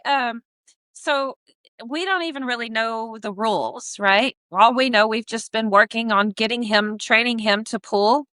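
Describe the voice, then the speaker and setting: Woman w/ a bright sharp voice, kinda high, chatty story, acts out the voices, dry close sound. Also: no echo. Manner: animated, acts out what people said. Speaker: guest, harness business owner. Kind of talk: casual storytelling.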